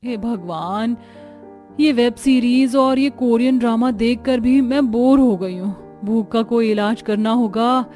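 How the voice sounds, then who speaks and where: A woman's voice: on the high side, steady tone, a little slow, dark tone, soft background music, natural voice. A woman voicing a carefree young daughter-in-law who talks in a breezy, cheeky way.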